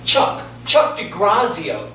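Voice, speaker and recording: A woman playing a blunt, plain-spoken patient in a staged play, talking in a halting, colloquial way. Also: mid-range voice, big pitch swings, sharp tone, full character voice. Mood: guarded, wry. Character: blunt, plain-spoken cancer patient, parent of grown daughter. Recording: very echoey room, distant mic, clear noise.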